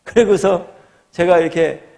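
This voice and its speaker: A middle-aged male guest pastor preaching in a church, telling a personal story with animated delivery and acting out quoted prayers and voices. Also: sits high, unhurried, creaky. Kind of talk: storytelling sermon. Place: church sanctuary.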